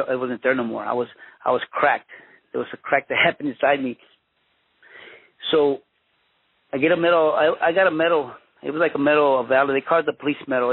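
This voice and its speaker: Gravelly man on a tinny line. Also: medium pitch, no room sound. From Mexico, raised in Los Angeles. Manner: halting, repeats words and restarts often. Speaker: interviewee, former police officer. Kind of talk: personal storytelling interview. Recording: tinny phone-line audio.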